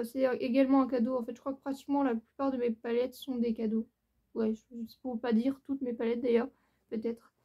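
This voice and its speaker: A woman's voice: high voice, husky, highs cut off. A woman chatting casually as a YouTuber, hesitant and apologetic, with many fillers and restarts. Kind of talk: casual chat. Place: bedroom at home by a window.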